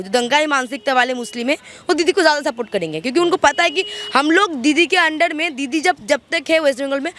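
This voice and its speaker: Woman from West Bengal, high voice, emphatic street interviewee, faint outdoor noise. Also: fairly bright tone. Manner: emphatic, repeats and restarts words.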